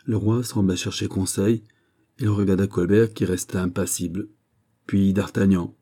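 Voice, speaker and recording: Male audiobook reader, measured, deep dark husky voice. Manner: measured, steady reading. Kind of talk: scripted narration.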